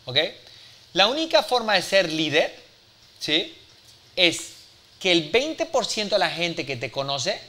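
A man in his forties giving a live mentoring talk, blunt and forceful, swearing freely and checking in with the audience. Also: fairly high pitch, slight background noise. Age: 40s. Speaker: business speaker and mentor.

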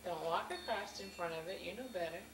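In a family home video on old camcorder audio, a mother filming her children coaxes and playfully questions her toddler. Her voice is fairly low and a little fast, in an echoey room with a noisy background.

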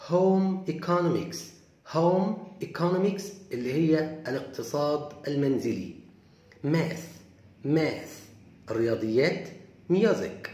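Egyptian man teaching English words slowly. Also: medium pitch, a little mellow. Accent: Egyptian Arabic. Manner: repeats each word slowly, then explains it. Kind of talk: vocabulary lesson, reading words aloud and explaining. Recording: echoey room.

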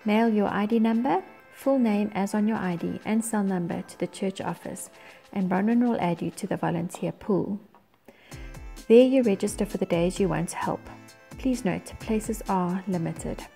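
A woman's voice: mid-range voice, normal speed, vocal fry, mellow, faint music behind. A woman with a South African accent reading scripted church announcements.

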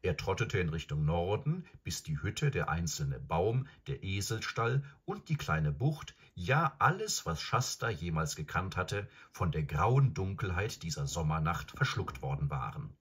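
A man narrating an audiobook in an expressive, varied storytelling manner. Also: low voice, measured pace, few pauses, breathy edge. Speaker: audiobook reader.

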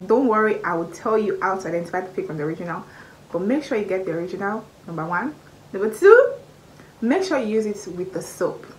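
A young woman in her twenties with a Nigerian accent, talking straight to camera in a casual beauty review, repeating key points and jumping up in pitch for emphasis. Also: sing-song, quick pace, low-quality recording. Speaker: beauty vlogger. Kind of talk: casual product review vlog. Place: small indoor room by a curtained window. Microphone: camera at arm's length, face framed close.

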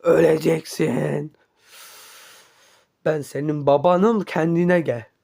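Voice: mid-range voice, steady tone, slow, gravelly, darkish tone, voice pushed down, heavily acted. A performer voicing an angry, threatening villain toilet father in an amateur cartoon fan dub. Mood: scolding.

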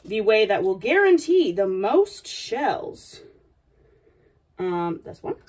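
Playful and flustered, a young woman plays a sassy princess running a comedy cooking tutorial, trading in dry asides and mock daintiness. Her mid-range, darkish voice moves slowly through big pitch swings, with a faint hiss or hum present. It's captured by a camera mic a few feet off in a small home kitchen indoors.

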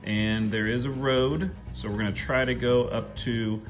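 A man in his thirties chats casually into a handheld camera, first from a car and then out on open prairie. He is easygoing and pauses with fillers and restarts as he thinks aloud. Music plays clearly beneath his voice. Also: mid-range voice, fairly even intonation. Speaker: travel vlogger. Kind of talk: casual travel vlog. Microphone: handheld camera at arm's length.

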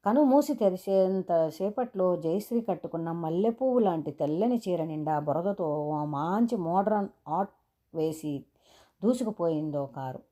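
A middle-aged woman from India narrating an audio story in an expressive, unhurried reading. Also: fairly low pitch.

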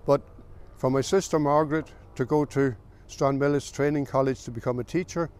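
An older man from the south of Ireland, a farmer recalling his family's history in a plain, unhurried way with small pauses. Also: medium pitch, steady tone, a little mellow, smooth. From south of Ireland, County Meath. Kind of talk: oral history recollection.

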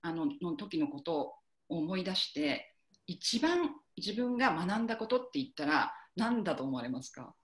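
Woman interview host, polite and summarizing; animated pitch, roomy echo. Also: moderate pace. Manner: polite, summarizes the guest's answers. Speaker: interview host, English coach.

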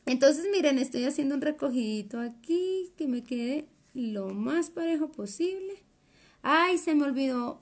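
A Colombian sewing instructor chats through a live class while working with her hands at a cutting table in an indoor workroom, explaining as she goes. Her voice sits high with a darkish tone.

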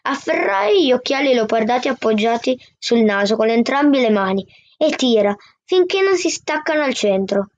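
A woman reading a novel aloud in a steady first-person narration. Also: a little high, normal speed, dry recording. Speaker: book reader. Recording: dull, dry lo-fi sound.

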